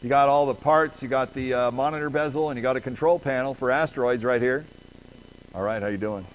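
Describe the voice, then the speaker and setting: A man working as an auctioneer, calling lots and bids in a rapid, repetitive, rhythmic auctioneer's chant. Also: medium pitch. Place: auction floor with background noise. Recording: noisy live auction room.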